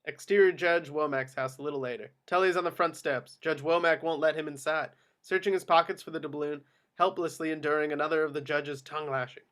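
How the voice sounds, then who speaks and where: Reading stage directions aloud at a table read, this man delivers the screenplay's action lines as scripted narration. He talks fast, with a slightly high, somewhat bright voice and fairly even intonation.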